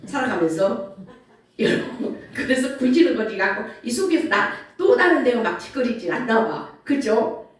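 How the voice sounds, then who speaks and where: A woman preacher giving an animated sermon and acting out grumbling prayers. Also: a little high, normal speed. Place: church sanctuary. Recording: echoey church hall from far off.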